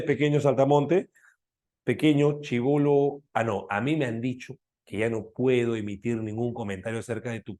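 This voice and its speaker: Peruvian guy teaching a class, mid pitch, jokey, keeps checking if students got it. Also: a little mellow. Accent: Peruvian Spanish. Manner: teasing, jokey, often asks students to confirm. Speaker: language teacher. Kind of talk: live class lecture.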